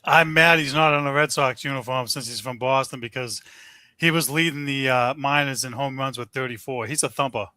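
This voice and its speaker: A man with a New England accent chatting in a laid-back way, trailing off quietly. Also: medium pitch, a little fast, clean tone, dry recording. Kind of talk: casual chat.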